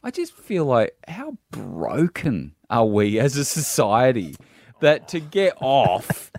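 A man co-hosting a radio show, reflective and measured, thinking aloud as he talks. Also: medium pitch, wildly swooping pitch, a little mellow, dry recording. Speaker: radio co-host. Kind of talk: casual chat.

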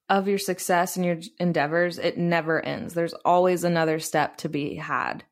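A young woman hosting a podcast, talking candidly and casually, swearing freely and laughing now and then as she gives advice from a bubble bath. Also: sits low. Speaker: podcast host.

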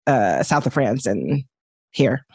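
A woman's voice: rumbling low, big pitch swings, takes it slowly, a little mellow, husky, dry recording. A woman in her forties from Houston, a doula and podcast guest, talking in an easygoing, chatty way and laughing often. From Houston, Texas. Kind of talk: casual interview chat.

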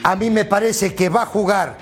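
A man analysing a football lineup on a sports panel, explaining step by step and checking in with quick tag questions. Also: sits high, fairly even intonation, soft background music.

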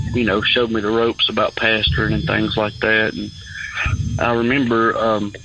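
A man from Alabama with a Southern Appalachian accent, telling a personal story casually as a caller in a halting, unhurried way. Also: mid-range voice, pushed and bright. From Alabama, southern United States. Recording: tinny phone line, faint music behind.

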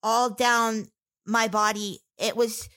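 A woman telling her own story in an interview, halting and candid, with many fillers and restarts. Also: a little high, level tone, a bit bright. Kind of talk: personal testimony in an interview.

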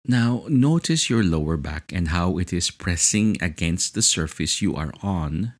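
Slow, calming, and hypnotic, a man with a very low voice talks the listener through a hypnosis relaxation. His intonation is lively, with pitch that rises and falls throughout.

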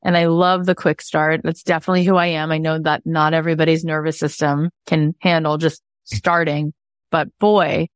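Woman podcast host, pretty low voice, explains stuff and affirms, chatty interview, dry close sound. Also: little pitch movement, normal speed, no echo.

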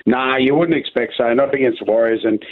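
A man's voice: mid-range voice, fairly quick, no echo. Laconic Aussie male tipster, dry-humoured and colloquial, casual sports chat down a thin phone-like line, no room sound. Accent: Australian. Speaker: rugby league tipster.

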